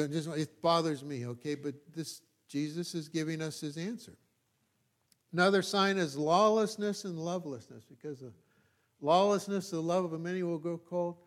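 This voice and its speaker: Speaking in a fairly high pitch, a pastor from California, United States, delivers a conversational, informal sermon in a Californian American accent. He comes across as folksy and self-deprecating, halting often to check in with his audience.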